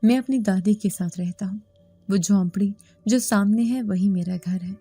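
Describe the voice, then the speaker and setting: Lady doing a quiet shy little boy, soft and gentle, mellow tone. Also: medium pitch, husky, soft background music.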